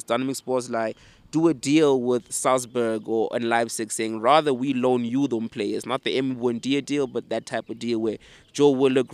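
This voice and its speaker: A man's voice: medium pitch, darkish tone, no room sound. Male football fan host, casual and opinionated, urban slang and swearing, level intonation. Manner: slangy urban talk, peppered with bro, fam and mandem.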